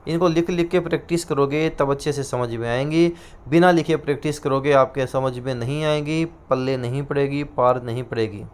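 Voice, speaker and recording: A male teacher with a Rajasthani Hindi accent giving an exam-prep lecture, repeating each answer slowly as if dictating terms. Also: medium pitch, clean tone.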